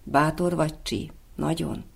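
A man reading the lines of a tender, worried little female swallow, the wife, in a storybook, softly and gently. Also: fairly high pitch, creaky.

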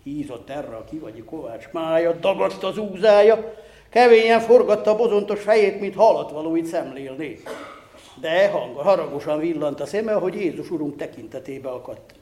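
A man telling an old folk tale in a lively, folksy way with rustic, old-fashioned words. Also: fairly high pitch, echoey room. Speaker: storyteller.

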